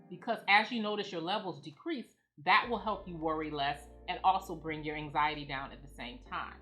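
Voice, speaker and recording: A woman giving calm, measured instructions as she guides listeners through a grounding exercise. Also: lowish voice. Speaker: presenter of anxiety grounding techniques. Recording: music playing behind the voice. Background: background music.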